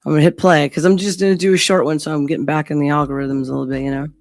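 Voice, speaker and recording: A woman with a hoarse, gravelly voice, losing it to laryngitis, hosting a casual live stream in a blunt, sweary manner. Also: low voice, flat delivery, very fast, darkish tone, no room sound, studio quality, faint music behind.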